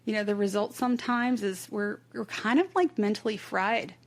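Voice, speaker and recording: Woman podcast host, casual storyteller, gravelly fry, fillers galore. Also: medium pitch, moderate pace. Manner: chatty storyteller, heavy use of "like".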